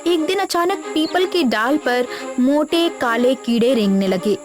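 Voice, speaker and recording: A woman narrating an animated children's story in a steady, dramatic storytelling manner, over background music. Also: high voice, measured pace.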